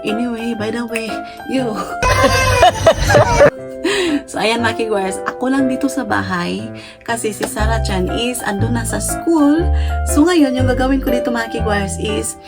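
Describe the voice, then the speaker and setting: A woman's voice: fairly high pitch, normal speed. Woman vlogger from the Philippines, casual home chat, playful and giggly, music underneath. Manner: playful, laughs often, mixes languages. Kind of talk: casual vlog chat to viewers. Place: home in Japan.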